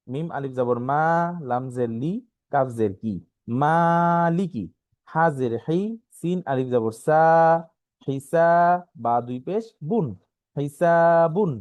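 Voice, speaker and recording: A man with a Bangladeshi Bengali accent, teaching an online Quran reading class, spelling out letters slowly and often checking in with "right?". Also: medium pitch, darkish tone, dry recording, clean studio sound. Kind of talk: online lesson.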